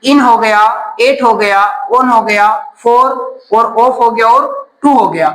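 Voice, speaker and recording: A man's voice: extremely high pitch, takes it slowly, a bit bright, echoey room, low-quality recording. A man teaching a grammar class, asking questions and then answering them himself.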